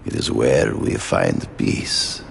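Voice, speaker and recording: Game villain-hunter: very deep, dramatically swooping, proud, hammy theatrical grandeur. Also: male voice, wildly swooping pitch, takes it slowly, gravelly, a little hiss or hum, full character voice. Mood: proud, solemn. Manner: hammy, grandiose stage-actor delivery. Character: proud, theatrical male big-game hunter turned vigilante. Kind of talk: video game voice acting.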